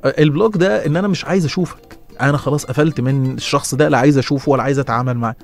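A middle-aged man with an Egyptian accent, hosting a casual radio advice show and answering listeners, with quick restarts and lively asides. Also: mid-range voice, vocal fry. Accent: Egyptian Arabic. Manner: fast, lively, stumbling restarts and laughs. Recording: radio studio with faint music behind.

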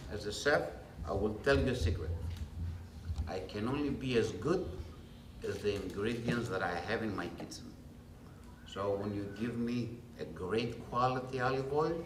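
A middle-aged man born in Greece, a chef speaking on a panel at a trade event. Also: medium pitch. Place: large restaurant function room. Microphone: table mic on a stand, camera at a distance. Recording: roomy, distant, faint room noise.

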